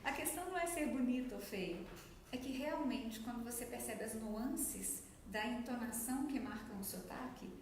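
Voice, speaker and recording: A woman from Minas Gerais, Brazil, appears as an interview guest describing speech therapy in a didactic manner and voicing quoted remarks, her accent marked by that region's Portuguese. She has a fairly high, darkish voice at a moderate pace, captured in a very echoey space with faint noise.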